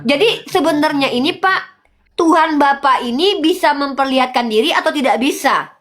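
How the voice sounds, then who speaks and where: A woman's voice: high-pitched, expressive, moderate pace, a bit bright. A woman arguing in a heated debate, lecturing insistently and pressing the same questions again and again.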